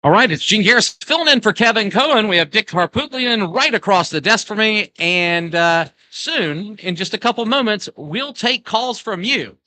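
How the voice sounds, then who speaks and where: Halting radio fill-in host, man. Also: high-pitched, lively intonation, sharp tone, no room sound. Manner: hesitant, with many fillers. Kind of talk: radio talk show hosting.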